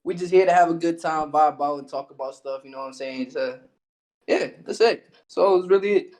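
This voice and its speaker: A man with a slightly higher voice chats casually on a podcast, laid-back and joking. His talk is loose and full of slang. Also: fairly quick, a little mellow. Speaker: podcast co-host.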